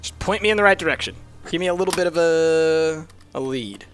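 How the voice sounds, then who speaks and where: A man's voice: a little high, a little fast, a bit bright, soft background music. A young man casually thinking aloud while streaming a mystery game. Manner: thinks aloud, muttering and musing. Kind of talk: casual let's-play commentary.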